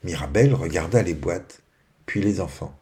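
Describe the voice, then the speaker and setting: A man narrating a children's bedtime story in a gentle, expressive way, dropping to a hush at quiet moments. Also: sits low, moderate pace, a little hiss or hum.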